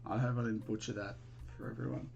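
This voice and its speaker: Loud music plays behind this man's lowish, creaky voice, and the audio sounds dull. He has an Australian accent and talks fast and flatly on a casual live stream, greeting viewers in a friendly, informal way and answering them with hesitant, rambling thoughts as he builds.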